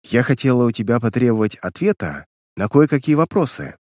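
A man's voice: mid-range voice, expressive, a little fast, darkish tone, dry recording, clean studio sound, close to an everyday voice. A man reading a cool, steely young woman. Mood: cold. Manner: cold and composed. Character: calm, resolute young woman.

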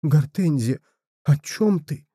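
A sobbing, frightened little folk woman, as a male reader puts her on. The voice climbs far above his own into a thin wail, while keeping a very dark, mellow grain and a dry, close sound. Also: animated, slow pace, husky, no echo, full character voice. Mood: frightened, tearful. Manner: sobbing, high and plaintive.

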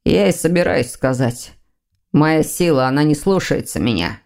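A woman's voice: low voice, animated, moderate pace, gravelly, darkish tone. A woman voicing a bitter young male demon. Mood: sullen. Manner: sullen, snapping retorts.

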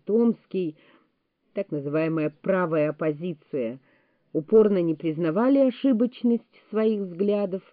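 A woman giving a measured, deliberate audiobook narration of a memoir. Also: lowish voice, no echo. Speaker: audiobook reader. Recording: tinny phone-like, dry sound.

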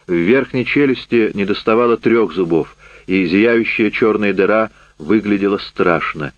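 A man with a lowish voice narrates a novel in a steady, even read. The recording is dry, close and a bit muffled, with a lo-fi dullness. There is no room sound around him. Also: moderate pace, no room sound. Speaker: audiobook reader. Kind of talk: scripted narration.

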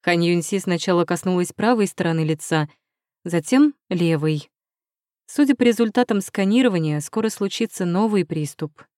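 A woman narrating an audiobook in an even storytelling manner. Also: on the low side, normal speed, dry recording, clean studio sound. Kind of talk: scripted narration.

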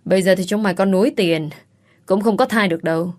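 A woman's voice: medium pitch, fast talker, a little mellow, close to an everyday voice. Woman voicing a desperate scheming servant girl. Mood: raging. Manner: pleading then screaming curses. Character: scheming young female servant, shrill and desperate.

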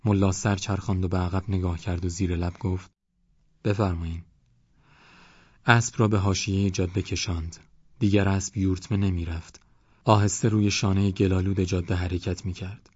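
A man narrating an audiobook in a steady, even storytelling manner. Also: sits low, breathy edge, no echo, muffled recording.

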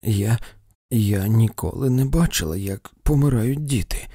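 A man reading a story, voicing an anxious society lady who speaks softly and tearfully. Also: lowish voice, expressive, a little slow, breathy edge, dry recording, studio quality, full character voice. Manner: soft, tearful and fluttery.

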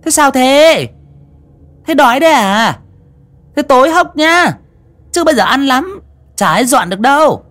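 A man voicing a cruel village woman who nags and scolds in a loud, shrill voice. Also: lively intonation, a little slow, long pauses, heavily acted. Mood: scolding.

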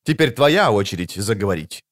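A man's voice: on the low side, sing-song, fairly quick. A man voicing a poised, authoritative sorceress who speaks formally to her council.

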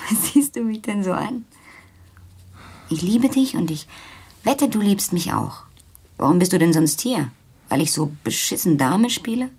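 A woman's voice: medium pitch, sing-song, measured pace, long pauses, darkish tone, breathy edge, heavily acted. An actress playing a restless, provocative woman who dances, teasing and needy, in a radio play. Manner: taunting, teasing, laughing off threats. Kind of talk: 1980s radio play acting.

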